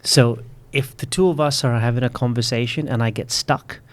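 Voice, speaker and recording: A man in his late thirties with a stutter, repeating word starts, speaking slowly and reflectively as a podcast guest. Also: mid-range voice, fairly even intonation. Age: 30s. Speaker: public speaking coach. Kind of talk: podcast interview.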